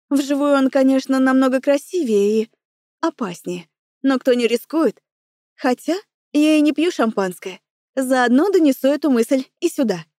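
A woman's voice: sits high, mellow, no echo. A woman narrating a first-person story in a wry, self-assured way, close to the mic. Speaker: audiobook narrator.

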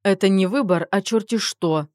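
A woman narrator voicing a loud, reproachful older mother-in-law in an audiobook. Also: steady tone, a little fast, no room sound, clean studio sound, lightly acted. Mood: scolding. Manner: loud, scolding, higher pitch.

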